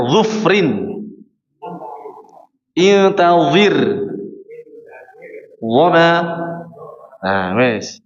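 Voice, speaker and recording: A man teaching Quran recitation in a mosque. He patiently corrects students and repeats the sounds to show them how. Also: on the high side. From Central Java, Indonesia. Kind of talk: tajweed class correcting students. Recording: muffled lo-fi recording.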